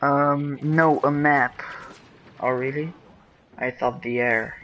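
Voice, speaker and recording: Guy livestreaming a game, slow talker, keeps going oh my god at everything. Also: medium pitch, fairly even intonation, fairly bright tone, muffled recording, slight background noise. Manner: exclaims often, reacting to the game. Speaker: streamer. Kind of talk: casual gaming commentary.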